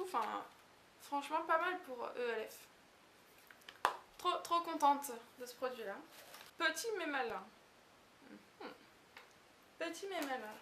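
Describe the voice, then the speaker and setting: A young woman beauty vlogger chatting casually and gushing with excitement as she unboxes a package at home. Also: high-pitched, noisy background. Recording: echoey room.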